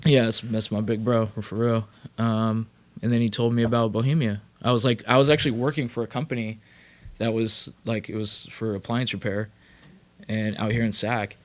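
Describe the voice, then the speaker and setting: A man from California, a rapper and producer, telling his career story as a podcast guest in a loose, animated way full of fillers and swearing. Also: lowish voice, normal speed. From Sacramento, California. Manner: animated, profane, lots of fillers. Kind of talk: casual storytelling.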